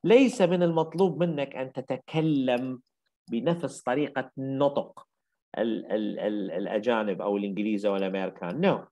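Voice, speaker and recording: A man's voice: medium pitch, brisk, dark tone. Iraqi-accented older male teacher. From Iraq. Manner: explains step by step, repeating key phrases. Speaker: English teacher. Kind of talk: university lecture.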